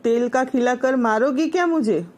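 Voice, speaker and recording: A woman's voice: high-pitched, moderate pace, pitched above the performer's own voice, natural voice. Woman doing a grumpy scolding mother-in-law. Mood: nagging. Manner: sharp, nagging complaints.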